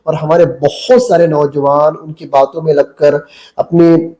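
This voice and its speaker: Blunt, slightly high-voiced male cleric. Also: little pitch movement, mellow, rough recording. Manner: combative, blunt and lecturing. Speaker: mufti, Islamic cleric. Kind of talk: religious talk to camera, anecdote and preaching.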